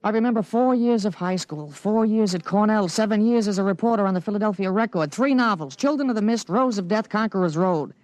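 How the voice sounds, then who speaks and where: A man's voice: high-pitched, fairly quick, hardly any pauses, darkish tone, dry recording, lightly acted, poor audio. An actor playing a precocious thirteen-year-old boy with an adult's memories, matter-of-fact and articulate, in 1950s radio drama style. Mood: earnest, insistent. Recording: vintage radio broadcast.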